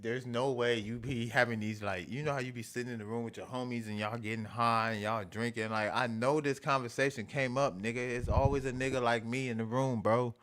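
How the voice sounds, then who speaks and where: A man hosting an animated commentary rant, repeating himself emphatically with profanity and mocking asides. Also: mid-range voice. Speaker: show host.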